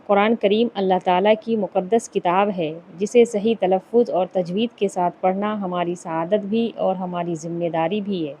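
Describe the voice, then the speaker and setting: A woman's voice: mid-range voice, warm tone, slight background noise. A woman teaching a lesson on Quran recitation. She asks her listeners questions, answers them herself, and repeats the key points.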